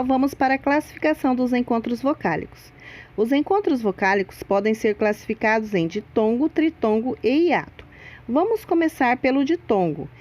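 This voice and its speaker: A woman teacher giving a scripted grammar lesson, speaking slowly and deliberately and stressing the sounds in example words. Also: a little high. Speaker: Portuguese teacher.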